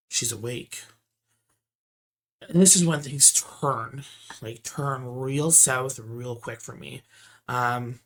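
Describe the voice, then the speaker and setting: A mid-pitched storyteller recounting a shift as a store manager. The delivery rambles with restarts and keeps lurching from loud, emphatic bursts down to low murmurs. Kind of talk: storytime vlog.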